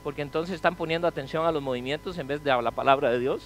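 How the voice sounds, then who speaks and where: A male pastor delivers a sermon in a fairly high voice. He poses rhetorical questions to his congregation and moves between loud, emphatic phrases and quiet, low asides. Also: fast, slight background noise, poor audio. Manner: preaching with rhetorical questions, wide swings in loudness.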